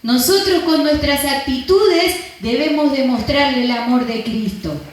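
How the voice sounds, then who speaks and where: A woman pastor with an Argentine accent preaches to her congregation in a high voice. She tells stories and acts out what others said. Her voice rings through a very echoey church room. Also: a little slow. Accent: Argentine Rioplatense. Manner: storytelling, acting out quotes. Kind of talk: sermon.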